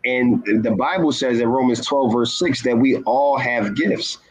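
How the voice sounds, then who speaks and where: A man speaking as a guest in an inspirational talk, earnest and measured, stressing key words. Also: mid-range voice, husky, poor audio. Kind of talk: inspirational talk-show conversation.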